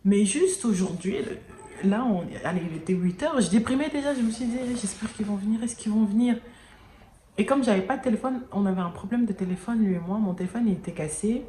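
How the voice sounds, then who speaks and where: A woman vlogging to camera in casual talk, earnest and halting with many restarts, filmed without an external mic. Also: medium pitch, dark tone. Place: indoors near an airport, daytime. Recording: roomy echo, faint background noise. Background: planes and sirens passing.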